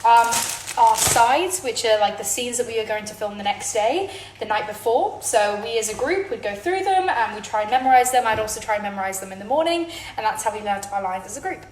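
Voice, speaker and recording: Chatting in her kitchen at home, a teenage girl actress answers fans in a relaxed vlog Q&A, her accent mostly British but sometimes slipping American, a result of being born in New York and raised in London. Her voice sits on the high side, animated and slightly quick, with light giggles and repeated "really, really." The low-quality recording is echoey, with some hiss or hum.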